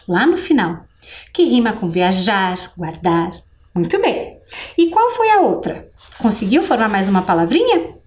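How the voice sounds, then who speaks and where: A woman teacher with a Brazilian Portuguese accent giving a patient televised literacy lesson, spelling out syllables slowly. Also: mid-range voice, darkish tone. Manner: slow, patient, enunciating syllables.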